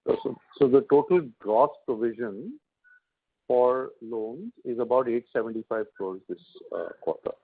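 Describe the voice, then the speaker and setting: A man's voice: mid-range voice, moderate pace. A man, an analyst on a conference call, stammering into his phrases as he asks for clarification. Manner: stammering starts, persistent clarifying. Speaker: analyst asking questions. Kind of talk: question and answer on a conference call. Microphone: phone line. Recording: rough, muddy phone line.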